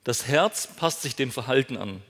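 A man's voice: medium pitch, animated, moderate pace, a bit bright. Preaching man in a reverberant hall. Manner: asks questions and answers them himself; emphatic, rises sharply on key words. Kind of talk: sermon.

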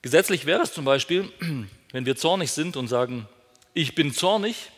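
A man of middle pitch delivering a sermon, asking questions aloud and answering them himself. He leans hard on important words, lifting his voice to drive each point home. His voice carries a long reverb, as if recorded in a large hall. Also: expressive, moderate pace. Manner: emphatic, rises sharply on key words. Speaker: preacher.

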